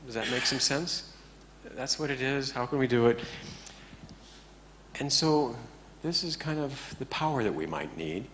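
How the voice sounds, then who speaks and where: A man teaching a class in a relaxed, joking way, often checking in with his listeners. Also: medium pitch, unhurried, a little hiss or hum. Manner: joking, conversational, keeps checking in with the audience. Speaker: meditation teacher. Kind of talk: informal talk to a class.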